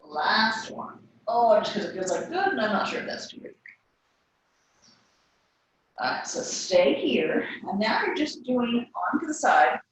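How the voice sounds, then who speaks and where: A woman teaching a yoga class, giving calm cues timed to the breath. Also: on the high side, unhurried, long pauses, a little hiss or hum. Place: yoga studio. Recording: echoey room, voice from a distance.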